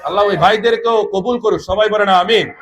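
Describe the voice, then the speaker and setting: A man's voice: high voice, a little fast. A man preaching a fervent sermon, rousing the crowd to call back and breaking into chanted song. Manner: rousing, calls for responses from the crowd. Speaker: Islamic preacher. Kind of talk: fervent Bengali waz sermon.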